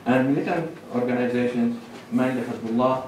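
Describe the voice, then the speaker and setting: A Lebanese man lectures in an echoey hall, giving an academic conference presentation in a measured way and pausing between the points he lists. His voice is medium-pitched and a little mellow. It's recorded from far off through a lectern microphone and far camera, with a little hiss or hum.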